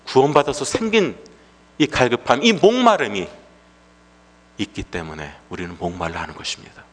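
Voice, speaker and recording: Male pastor, lively rising-and-falling sermon delivery with rhetorical questions and repetition, long hall reverb. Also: medium pitch, moderate pace. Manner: swings between raised emphatic lines and hushed drops.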